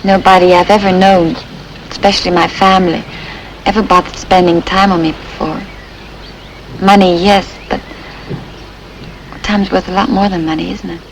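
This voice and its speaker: Woman acting a humbled rich young woman, film dialogue, fry in the voice, dramatic, confiding, slightly noisy soundtrack. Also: lowish voice, level tone, normal speed, long pauses, close to an everyday voice. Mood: wistful, confiding. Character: spoiled young heiress, wistful and newly humbled.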